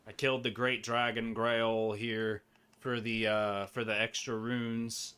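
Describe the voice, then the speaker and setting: Slow-talking bright-voiced male gamer. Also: lowish voice, little pitch movement, smooth. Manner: rambling, joking, talks to himself while playing. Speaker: gameplay streamer. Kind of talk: casual gameplay commentary.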